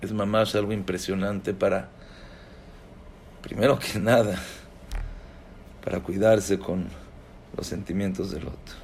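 A man's voice: low voice, steady tone, measured pace, pauses often, darkish tone, slight background noise. A man telling a moral story as a religious teacher, in a dramatic, emphatic way.

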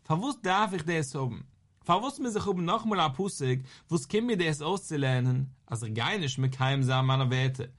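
A man teaching a Talmud lesson in a lively singsong study cadence. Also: on the high side, normal speed.

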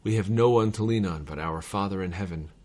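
A man reading old letters aloud in a measured, formal cadence, as a reader of devotional texts. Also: sits low, a little mellow.

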